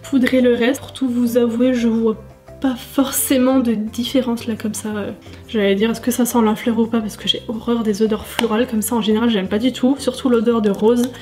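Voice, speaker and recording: A woman's voice: fairly high pitch, flat delivery, moderate pace, a little mellow, soft background music. A woman chatting casually to viewers while testing makeup, full of fillers and asides. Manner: chatty, many fillers, addresses viewers directly. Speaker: beauty vlogger. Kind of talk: casual makeup tutorial chat.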